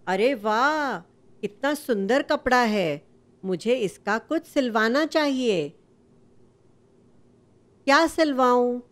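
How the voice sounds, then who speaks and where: A woman's voice: fairly high pitch, animated, takes it slowly, long pauses, a bit bright. A woman voicing a small, cheerful male mouse who pleads and boasts in a sing-song way. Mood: eager.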